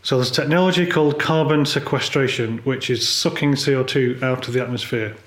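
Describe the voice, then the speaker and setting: A man's voice: medium pitch, brisk. A man, a polar photographer talking candidly and earnestly as a podcast guest, with a wry edge. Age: 50s. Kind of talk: reflective conversational chat. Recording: roomy echo.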